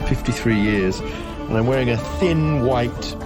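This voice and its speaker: A man playing a tabletop role-playing game, casually describing his character in a halting, thinking-aloud way. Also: medium pitch. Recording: loud music bed under the talk. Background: music.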